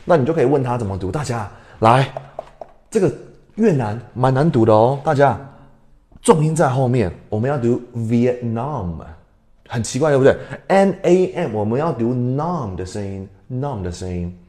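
A man's voice: medium pitch, animated, moderate pace, dark tone. A young adult man from Canada teaching an English lesson on a livestream, switching between Mandarin and English and quizzing his viewers.

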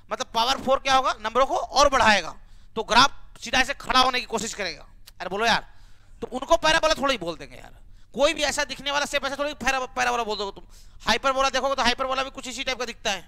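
A man's voice: very high-pitched, fast talker, vocal fry, sharp tone, smooth. A man teaching a maths class, coaxing students to answer with repeated rhetorical questions and homely examples.

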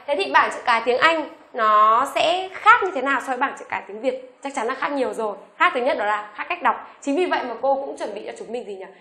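A woman teaching an online beginners' lesson, asking the class questions and reading each letter slowly for them to repeat. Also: on the high side, bright, forceful tone, roomy sound. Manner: asks the class rhetorical questions; reads letters aloud slowly for repetition. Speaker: English teacher.

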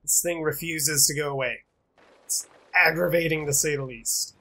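A man's voice: fairly high pitch, fairly even intonation, normal speed, bright, forceful tone. Stuffy-nosed man chatting over gameplay. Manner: chatty, joking, talks to the game. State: stuffy nose. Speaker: gaming YouTuber. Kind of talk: casual gameplay commentary.

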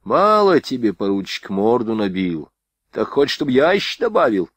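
A man's voice: mid-range voice, very animated, moderate pace, no room sound. A man playing a stern, level-headed soldier. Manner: stern, dry.

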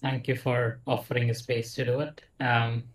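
A man from India, a software engineer making a polite, measured announcement on a video call. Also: mid-range voice, little pitch movement. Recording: echoey room, distant mic.

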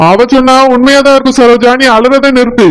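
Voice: high voice, fairly even intonation, fast talker, a loud crowd, close to an everyday voice, poor audio. Worried cartoon husband, voiced by a performer. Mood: soothing. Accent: Tirunelveli Tamil. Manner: soothing, pleading. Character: worried village husband, gentle.

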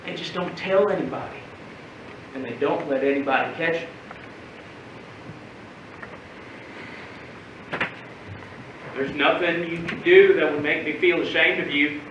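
A man's voice: sits high, a little slow, muffled recording, background noise. A young actor on stage playing a genial, coaxing uncle who teaches a boy to fish, in a live monologue. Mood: soothing. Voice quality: folksy, coaxing, animated. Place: theater stage. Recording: very echoey theater from far off.

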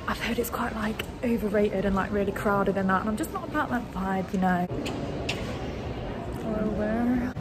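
A young woman in her twenties, chatting and gushing in a casual travel vlog, filmed on a phone at arm's length outdoors in a city. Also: mid-range voice. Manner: chatty and gushing, repeats stunning. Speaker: travel vlogger. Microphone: phone held at arm's length. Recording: loud street traffic noise. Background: city traffic and street noise.

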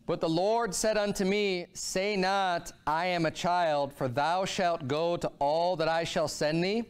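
Standing at the pulpit in a church sanctuary, a thirty-something male pastor preaches with animation, his voice swinging up and down to drive each point home. The tone is high-pitched, clear and resonant, and he takes his time.

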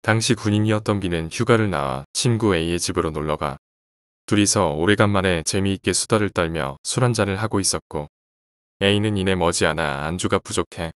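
A man calmly reading out horror stories in an even, casual storytelling way. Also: low voice, no echo, studio quality. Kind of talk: scripted horror story narration.

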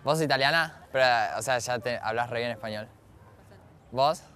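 A man's voice: medium pitch, normal speed, pushed and bright. A young man with an Argentine accent, teasing strangers with brash, cheeky banter outdoors in a park as a street prankster. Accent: Argentine Spanish.

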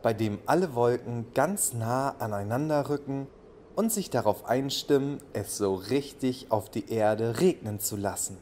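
Calm man reading a bedtime story. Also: mid-range voice, measured pace, a little hiss or hum. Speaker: narrator. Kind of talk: bedtime story audio play narration.

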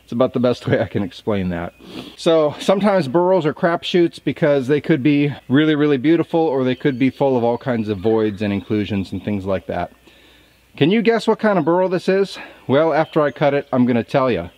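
A man's voice: on the high side, a little mellow, no echo. A man in his thirties, a sawmill operator, casually explaining his work in an outdoor how-to vlog, recorded on a camera mic in a field. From southern Indiana.

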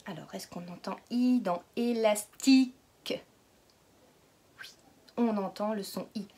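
A woman teaching a phonics lesson to young children, stretching out each word slowly and patiently asking questions. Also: mid-range voice, warm tone. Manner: slow, exaggerated word pronunciation. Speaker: kindergarten teacher.

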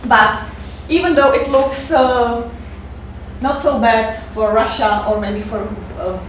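A fundraiser from the Czech Republic, a woman in her thirties, gives a conference presentation in hesitant, halting English with many fillers. Her pitch is fairly high and her intonation fairly even. The camera mic sits far off in an echoey seminar room, adding slight hiss or hum.

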